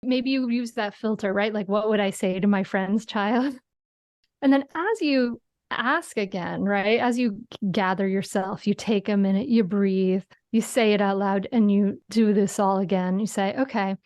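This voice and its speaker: A woman's voice: medium pitch, a little slow, a little mellow, no room sound, clean studio sound. A woman guest explaining parenting practices in casual chat, earnest and explanatory, often adding a tag question.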